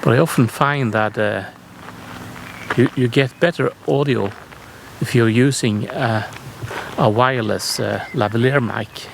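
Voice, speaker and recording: Halting, slow-talking man in loud wind noise. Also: medium pitch, vocal fry. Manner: hesitant, halting delivery. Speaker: vlogger testing camera gear. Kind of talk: unscripted outdoor camera vlog. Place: outdoors near the ocean. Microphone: on-camera shotgun microphone. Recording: strong wind on the mic, outdoors.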